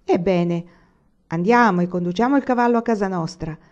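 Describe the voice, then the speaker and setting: A woman voicing an eager young male student in a storybook reading, calling out excitedly. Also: mid-range voice, brisk, muffled recording, close to an everyday voice.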